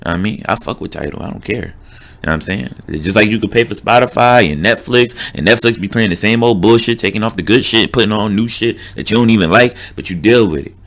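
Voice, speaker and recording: Podcast host: young man, New Jersey accent, low-pitched, rapid streetwise rant. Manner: animated, streetwise, rambling with many fillers. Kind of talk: casual rant.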